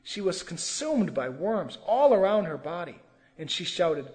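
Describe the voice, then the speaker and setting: A man's voice: sits high, big pitch swings, measured pace, a little mellow, in a large hall. Earnest man giving a sermon testimony. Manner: earnest, emotional storytelling. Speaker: testimony preacher.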